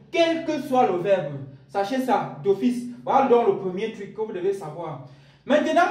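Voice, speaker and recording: High-voiced man teaching in an echoey room. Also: a little mellow, recorded from a distance. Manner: explains step by step with repetition, addresses viewers directly. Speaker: language teacher. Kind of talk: spoken language lesson.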